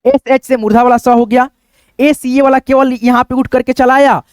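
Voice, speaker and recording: A man's voice: very high voice, little pitch movement, clean tone, dry recording. Dry-voiced man teaching letters. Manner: repeats letters slowly, asks the viewers questions. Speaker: English teacher. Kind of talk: spoken lesson.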